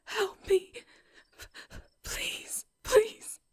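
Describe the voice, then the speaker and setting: A woman voicing a terrified young woman fleeing a man, pleading in a shaky, tearful voice that slips into whispers. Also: extremely slow. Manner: desperate pleading, breaking into whispers.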